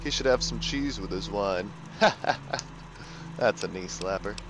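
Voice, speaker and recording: A gaming video host with a lowish voice takes his time over game music and a loud crowd. In his let's play commentary he jokes, teases the game's characters, and talks over them.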